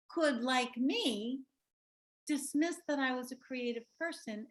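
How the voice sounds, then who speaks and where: A woman presenting an online workshop on a video call, talking reflectively, telling stories and asking the group questions. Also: fairly high pitch.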